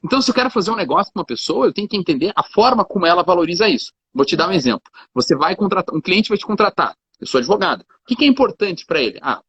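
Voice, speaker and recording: Husky man, dull lo-fi sound. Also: sits high, very animated, very fast, few pauses, fairly bright tone, no room sound. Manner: talkative, explains with examples, fillers like 'cara' and 'né'. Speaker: lawyer, guest. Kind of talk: casual conversation.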